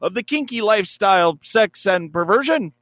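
Bright, animated, high-voiced male podcast host. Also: normal speed, no echo, studio quality. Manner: animated, teasing showman. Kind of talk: casual comic podcast banter.

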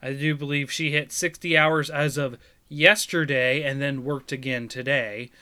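Bright, clear-voiced male podcast host. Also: medium pitch, steady tone, a little slow. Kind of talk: casual gaming podcast chat.

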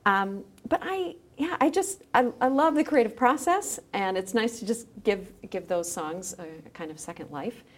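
A woman with a slightly high, expressive voice speaks at normal speed with few pauses. She's a guest on a conversational podcast interview, an editor and audio creator, who phrases things hesitantly and lets her thoughts trail off.

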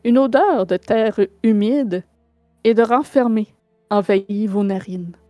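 A woman acts as game master, narrating scenes slowly. Her voice is recorded dry, with soft music underneath. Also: on the high side, no room sound. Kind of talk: narrating a tabletop role-playing game.

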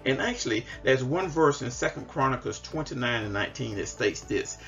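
A man's voice: mid-range voice, lively intonation, fairly bright tone, dull audio, soft background music. Man teaching a Sunday School Bible lesson. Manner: reads scripture slowly, explains verse by verse with restarts.

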